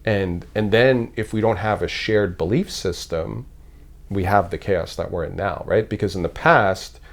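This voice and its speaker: A man's voice: low voice, normal speed, gravelly. A man from Canada, a podcast guest, talking in a thoughtful, rambling way with frequent restarts. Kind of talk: casual conversational interview.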